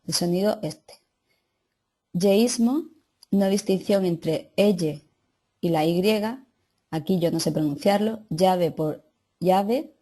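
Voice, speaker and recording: A woman's voice: mid-range voice, mellow. A woman teacher reading lesson notes aloud and adding casual asides to her students. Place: classroom or online class.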